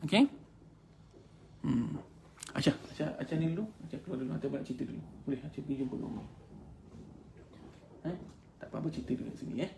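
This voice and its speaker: Speaking as a Quran teacher with a Malaysian Malay accent, a man tells a religious story in a chatty way, slipping in English words and addressing listeners as tuan-tuan dan puan. His medium-pitched voice is fast and gravelly, with long pauses and background noise.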